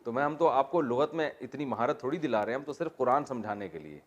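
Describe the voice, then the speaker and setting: A man teaching a classroom lesson on Quran exegesis, taking his students through Arabic word forms. He keeps asking the class questions and drops in light joking asides as he goes. His voice sits at an ordinary middle pitch for a man. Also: lively intonation, dull audio, noisy background.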